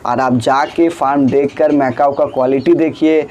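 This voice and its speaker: A man's voice: mid-range voice, steady tone, moderate pace, a little mellow, dull audio, slight background noise. A young man in his twenties running a bird farm, giving a chatty how-to vlog and calling the viewers friend over and over. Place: small room with blue walls, indoors.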